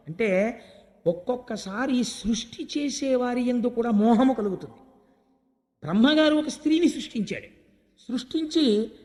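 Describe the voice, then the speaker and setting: A man giving a religious discourse, telling scripture stories in an animated way and voicing the characters' lines. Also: very high voice. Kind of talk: Telugu religious discourse, storytelling. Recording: long hall reverb.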